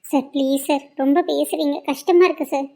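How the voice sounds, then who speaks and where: Woman doing a cartoon drama's earnest young heroine: high, quick, pleading. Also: fairly even intonation, creaky, mellow.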